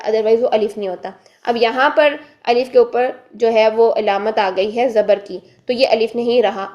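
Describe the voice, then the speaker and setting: A woman teaching Quran reading in a recorded lesson, explaining step by step and sounding out letters slowly. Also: a little high, darkish tone. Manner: patient, repeats letter sounds slowly and drawn out; explains step by step, asks and answers her own questions.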